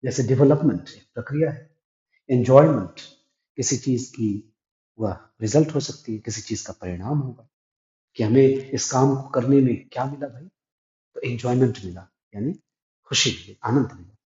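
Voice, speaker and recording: A man with a warm, mid-range voice talks at a normal speed through an English grammar lesson, classroom style. He breaks it down step by step and answers the questions he poses. The sound is dull and lo-fi, with room echo.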